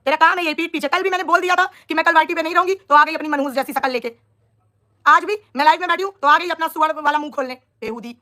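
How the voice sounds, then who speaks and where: A woman's voice: high-pitched, fast talker, sharp tone. A young woman on a live stream, scolding and taunting a rival in an angry, combative rant.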